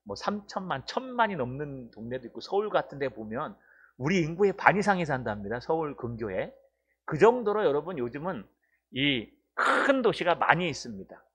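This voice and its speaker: A man preaching a sermon in a church, animated and full of rhetorical questions to the congregation. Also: a little high, moderate pace, husky. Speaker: pastor. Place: church sanctuary. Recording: dull lo-fi church recording.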